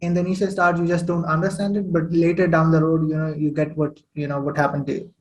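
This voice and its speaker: A man's voice: on the high side, level tone, fast talker, low-quality recording. A young man from Saudi Arabia, a podcast guest telling his story in casual chat with many fillers.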